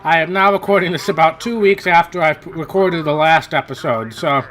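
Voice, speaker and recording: Hours of commentary have worn the fairly high, fairly bright voice of this gaming channel host. He talks fairly quickly through a racing game playthrough, chatty and rambling, often correcting himself.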